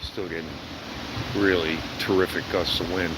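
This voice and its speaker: A low-pitched man gives casual live storm commentary outdoors, sounding keen on the weather. Very loud wind buffets the microphone, with leaves rustling around him. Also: level tone, moderate pace. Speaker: amateur storm watcher livestreaming. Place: outdoors in a yard at night during hurricane winds. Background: strong gusting wind, rustling trees.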